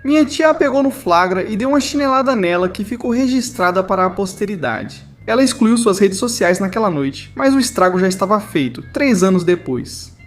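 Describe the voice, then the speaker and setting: A man narrating funny scripted stories in the first person, mock-dramatic and lively. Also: high-pitched. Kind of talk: scripted comic storytelling.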